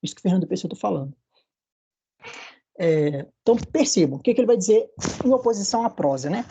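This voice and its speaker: A man's voice: sits high, animated, fast, mellow, slightly rough, lo-fi sound. A man with a Brazilian Portuguese accent giving an academic literature lecture, explaining at length with frequent tag questions and restarts.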